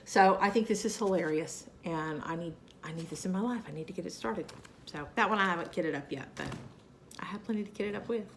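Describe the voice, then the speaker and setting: Here she talks briskly in a fairly low voice, the Southern woman still nasal and scratchy from a cold. It's casual chat to camera about her cross-stitch work, full of fillers and side remarks.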